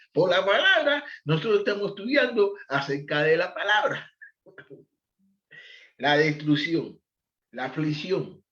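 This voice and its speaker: Man teaching scripture, high lively pitch, asks and answers himself, roomy dull lo-fi recording. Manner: emphatic, repeats phrases, asks and answers his own questions. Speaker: Bible teacher. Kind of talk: Bible study teaching.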